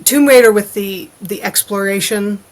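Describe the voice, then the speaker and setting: An adventure fiction author appears as a podcast interview guest, speaking at normal speed in a medium-pitched voice over poor audio. Her talk is casual and informal, drifting into loose run-on asides.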